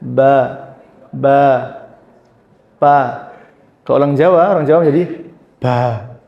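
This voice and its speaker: A man's voice: medium pitch, slow pace, creaky, echoey room, lo-fi sound. A man teaching Quran recitation, drawing out sounds and explaining them patiently.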